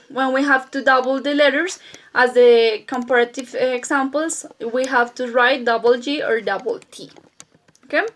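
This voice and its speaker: Young woman, English teacher, high voice; patient and repetitive, spells letters out; faint noisy home recording. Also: a bit bright. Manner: patient, repeats key points, spells letters out. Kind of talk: recorded grammar lesson for pupils.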